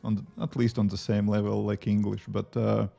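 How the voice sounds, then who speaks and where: This Latvian-accented app developer, a native Latvian speaker, keeps up a casual, rambling chat on his live coding stream, answering viewers between tasks and using many fillers. His lowish voice is gravelly and mellow, monotone and fairly quick, with soft music in the background.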